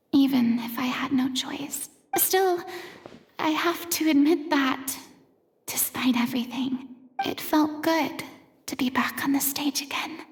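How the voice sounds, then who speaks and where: A woman's voice: high voice, creaky. A woman voicing Furina, a proud, theatrical former stage star who gets flustered and defensive, in game cutscene dialogue. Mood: whispering.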